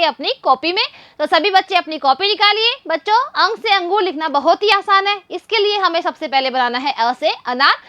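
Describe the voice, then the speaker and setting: Woman, primary school teacher, very high voice, patient, repeats everything for children. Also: sharp tone, no echo. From India. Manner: patient, repeats questions and answers for young children. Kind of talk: children's Hindi writing lesson.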